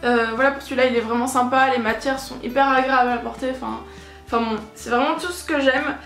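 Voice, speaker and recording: A woman's voice: high-pitched, steady tone, fast, fairly bright tone, soft background music. A young woman chatting casually through a clothing haul vlog, with lots of filler words and little giggles. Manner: chatty, many "euh" fillers, giggly asides. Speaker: YouTuber showing a haul. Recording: echoey room.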